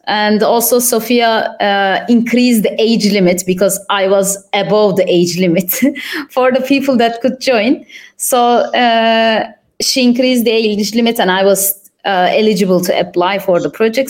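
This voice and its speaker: Young adult woman from Turkey, interview guest; unhurried, reflective answers broken by fillers. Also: mid-range voice, a little mellow. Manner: thoughtful, pauses with frequent fillers. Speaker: podcast guest.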